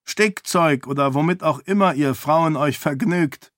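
A man's voice: a little high, a little slow, fairly bright tone, dry recording, studio quality. A man playing a curt, commanding king. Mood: brusque. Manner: brusque, commanding.

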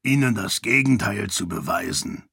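A man voicing a good-humoured father with a deep, scratchy voice. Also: lively intonation, normal speed, gravelly, pushed and bright, husky, no echo, studio quality, heavily acted. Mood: gruff.

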